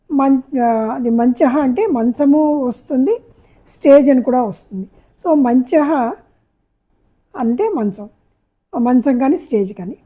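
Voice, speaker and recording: Woman, high voice, slow unhurried delivery, patient language teacher repeating phrases. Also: mellow. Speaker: Sanskrit teacher. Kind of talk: slow spoken language lesson, explaining Sanskrit phrases in Telugu.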